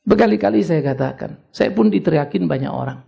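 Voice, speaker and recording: A man's voice: a little high, lively intonation, a little fast, creaky, highs cut off. An older man preaching a sermon as pastor, conversational at times and then rising into urgent exhortation. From Indonesia.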